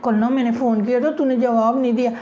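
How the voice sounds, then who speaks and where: A man's voice: flat delivery, mellow, lo-fi sound, slight background noise. A male comedian mimicking chatty young women friends gossiping at a street snack stall, in a stand-up act. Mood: gossipy. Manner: high-pitched, gossipy, fast back-and-forth chatter. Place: comedy stage before a live audience.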